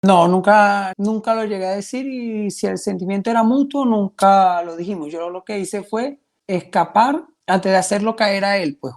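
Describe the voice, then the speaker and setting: A man's voice: sits high, a little mellow. A man in his twenties from Venezuela with a Venezuelan accent, giving his faith testimony in a hesitant, earnest way with many restarts. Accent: Venezuelan Spanish. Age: 20s. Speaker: testimony guest.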